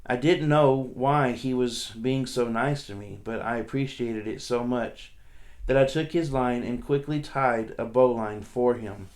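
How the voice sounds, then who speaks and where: A man, a teacher, reading a novel aloud to his students in a steady, plain storytelling manner with small restarts. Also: medium pitch, measured pace.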